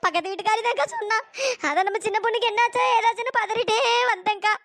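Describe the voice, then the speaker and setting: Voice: fast, fairly bright tone. A tearful cartoon village woman. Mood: tearful, pleading. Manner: pleading, wailing, calls her elder "akka". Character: tearful young village woman, Otha Rosa, anxious messenger. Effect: pitch-shifted up. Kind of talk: cartoon voice acting.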